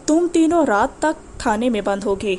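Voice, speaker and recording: A woman's voice: fairly high pitch, animated, darkish tone, a little hiss or hum, natural voice. A woman doing a cold, arrogant rich man. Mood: menacing.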